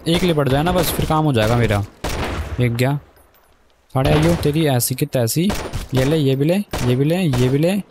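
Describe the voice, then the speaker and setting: Excitable gamer man over loud gunfire. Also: a little high, background noise. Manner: excitable, swears at enemies, keeps up a running commentary. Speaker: gaming YouTuber. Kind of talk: live gameplay commentary. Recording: gunfire from the game behind.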